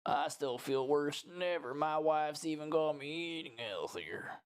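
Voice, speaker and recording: A man's voice: on the high side, animated, unhurried, clear, resonant tone, pitched above the performer's own voice. A man voicing a nervous middle-aged male patient in a video game, reading his lines in an anxious, complaining way. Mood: worried.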